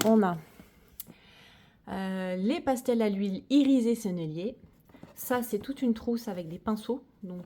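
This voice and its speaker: A woman's voice: mid-range voice, dark tone, a little hiss or hum. A woman chatting casually through a tour of her coloring corner, hesitant and friendly. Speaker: coloring hobby vlogger. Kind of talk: casual room tour chat.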